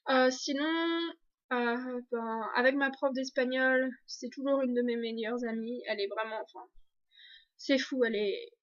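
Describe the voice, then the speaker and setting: A woman's voice: fairly high pitch, steady tone, measured pace, lo-fi sound. A young woman from France talking casually in a video diary, chatty with many restarts and fillers. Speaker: exchange student vlogger.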